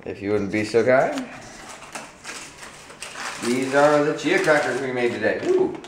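A man's voice: medium pitch, big pitch swings, unhurried, background noise. A man hosting a food vlog, chatting casually to the camera and laughing often. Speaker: vlog host. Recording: echoey room with faint music.

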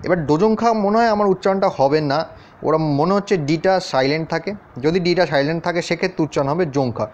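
Speaking a little high and at a quick pace, a man leads an exam-prep lesson built around a map. He talks straight to his students, frequently asking questions to check in, and the recording sounds dull and lo-fi.

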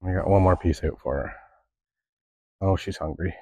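A man's voice: low-pitched, normal speed, warm tone, no echo. A man who keeps animals on his farm, explaining things in a plain, matter-of-fact way outdoors. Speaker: animal keeper and farmer. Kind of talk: casual explanation.

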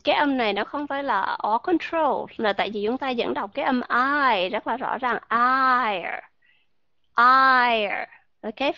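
A woman teaching English pronunciation to an online class, modeling sounds slowly and asking her learners questions. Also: fairly high pitch, no echo, muffled recording.

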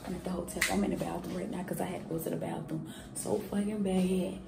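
A woman's voice: fairly low pitch, steady tone, quick pace, gravelly, echoey room, background noise. A woman in her thirties talking casually to her phone camera in a car and a hotel bathroom, blunt and profane, repeating herself as she chats. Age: 30s. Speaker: vlogger. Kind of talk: casual vlog talk to camera. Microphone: phone held close at arm's length.

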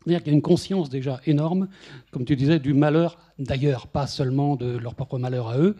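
A man with a mellow, slightly husky voice moderates a public talk in a university lecture room. He speaks into a handheld mic, laying out long explanations with a few stutter-starts. He is in his fifties. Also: medium pitch, fairly quick, muffled recording.

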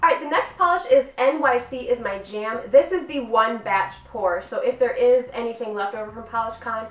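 A woman's voice: a little high, normal speed. Bubbly woman reviewing nail polish. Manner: bubbly and gushing. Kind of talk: product review vlog. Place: home filming room. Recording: roomy, distant mic, faint music.

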